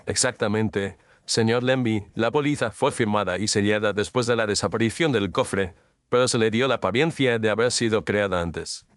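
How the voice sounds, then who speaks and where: In a Spanish audio drama mystery, a man plays a Victorian detective, his low voice recorded very dry and lightly acted. Composed, incisive and assured, he lays things out in formal, deliberate speech.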